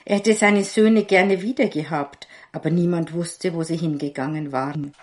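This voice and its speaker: A woman narrating a fairy tale in a slow, measured storytelling manner. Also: fairly low pitch.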